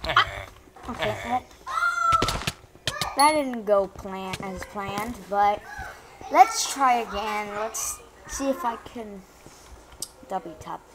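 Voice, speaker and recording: A woman's voice: medium pitch, slow, pauses often. Casting: chatty self-mocking gamer woman, mid-range voice, noisy recording full of clicks. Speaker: gaming YouTuber. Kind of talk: casual gameplay commentary.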